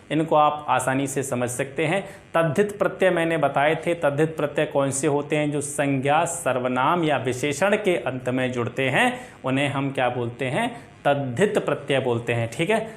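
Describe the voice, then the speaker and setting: A man with a somewhat high voice teaches a grammar lesson for exam preparation. He runs through lists of example words, poses questions and answers them himself, and keeps checking in with a quick "theek hai". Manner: explains by listing examples, often asking and answering his own questions; often adds filler checks like "theek hai".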